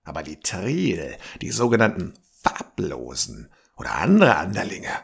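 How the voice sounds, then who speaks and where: Man playing an old bearded man, grumbling, slow, gravelly voice, husky, grave warnings. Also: sits low, huge pitch swings, heavily acted. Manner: slow, grave warnings, sometimes dropping to a whisper.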